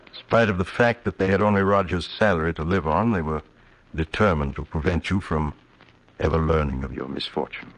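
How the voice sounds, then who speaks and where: In a 1940s radio drama heard on a noisy old recording, a male actor plays a small-town judge who is grave, courtly, formal, and solicitous. His voice rumbles low and moves a little fast, carrying a regretful, grave mood.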